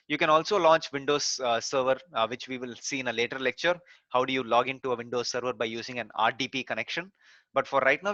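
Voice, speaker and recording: In a lo-fi recording with no echo, a male course instructor explains a screen-recorded technical tutorial step by step. He has a sharp, medium-pitched voice and often fills gaps with "so" and "uh."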